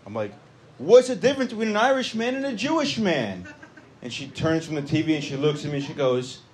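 A man's voice: fairly high pitch, very animated, brisk, a little mellow. A man from the United States, a comedian and podcast host, talking in a loose, laid-back way with many fillers and casual swearing.

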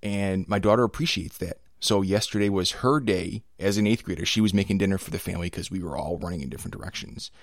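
Male podcast host, middle-aged, gravelly and lowish with a cold; chatty, rambling, enthusiastic, very dry close sound. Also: fast, hardly any pauses, no room sound. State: slightly hoarse from a cold. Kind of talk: casual conversational podcast.

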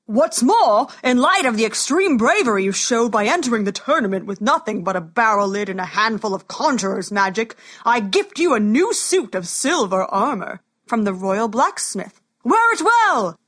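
A woman narrator voicing a commanding male king who thunders formal proclamations, loud and stately. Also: mid-range voice, very animated, slow pace, few pauses, exaggerated voice.

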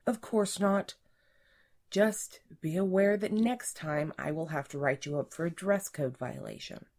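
A woman's voice: on the low side, unhurried, a little mellow, pitched above the performer's own voice. A woman voicing a haughty, strict office boss lady. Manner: strict, clipped, scolding.

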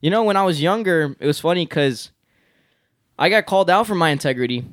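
A laid-back young man co-hosts a casual chat, peppering his talk with slang. His voice sits a little higher than most men's. The recording is dry and close. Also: lively intonation, fairly quick, fairly bright tone, dry recording. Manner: laid-back, slangy, says yo and bro a lot. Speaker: podcast co-host.

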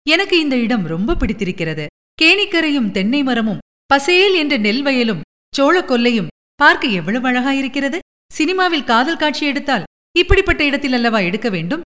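A young would-be actress who speaks sweetly and pleads or gushes with each line, as a woman narrator puts her on. Her voice sits high and light. A long reverb lingers around her. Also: sing-song, normal speed, a bit bright. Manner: sweet, apologetic and gushing. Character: young woman hoping to become a film actress.

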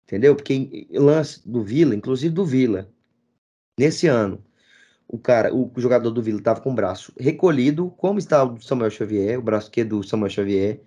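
Mocking man, mellow tone. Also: medium pitch, expressive, a little fast. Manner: mocking, repetitive teasing. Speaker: football show co-host. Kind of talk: heated sports debate.

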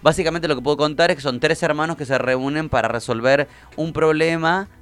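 A man's voice: on the high side, a little fast, clear, resonant tone. A man with an Argentine Rioplatense accent, an actor being interviewed in a casual, playful chat. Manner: playful, animated, laughs often. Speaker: actor guest.

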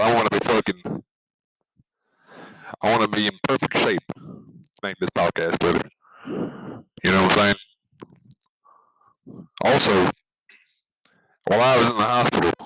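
Man playing a forceful, blustering macho podcaster. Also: lowish voice, low-quality recording. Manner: repetitive, rambling, swearing bravado. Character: blustering macho male podcaster with belligerent swagger. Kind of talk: improvised comedy monologue.

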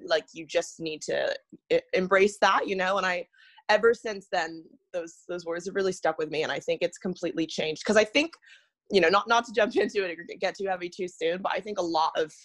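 A young woman from Singapore, a podcast guest, telling her story in a thoughtful, casual way. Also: lowish voice. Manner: thoughtful, many fillers and restarts.

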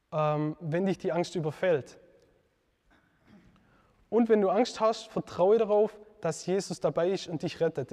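A man gives a devotional teaching talk in a slightly high voice, earnest and reflective. He pauses with fillers and corrects himself as he goes. His voice rings with a long reverb. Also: darkish tone.

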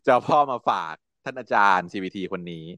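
A man recapping a drama episode as a podcast co-host, casual chat, acting out characters' lines with lively retelling. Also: lowish voice, fast, dry recording. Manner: animated retelling, acting out quoted lines, frequent laughs.

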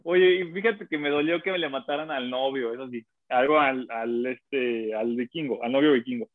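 A man's voice: mid-range voice, moderate pace, no echo. A man, co-hosting a casual chat and joking around with silly impressions. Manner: jokey, laughing, does silly impressions. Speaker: podcast co-host. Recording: tinny phone-like line.

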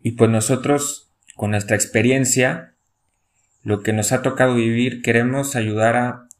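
A man's voice: medium pitch, fairly even intonation, measured pace. A man in his thirties from Mexico with a Mexican Spanish accent, a deacon co-hosting a podcast who speaks earnestly with small restarts. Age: 30s. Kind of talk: casual pastoral podcast talk.

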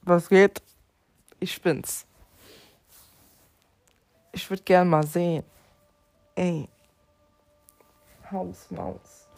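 A woman vlogger rambling in a drifting, dreamy way, thinking aloud and now and then dropping to a soft whisper. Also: fairly low pitch, steady tone, drawn-out words, creaky, pauses often. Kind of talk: rambling casual monologue.

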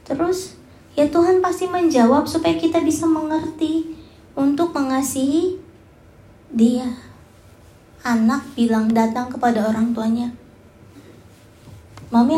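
High-voiced woman preacher in an echoey hall. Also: mellow. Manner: conversational, addresses the congregation directly. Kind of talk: sermon with personal stories. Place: church hall.

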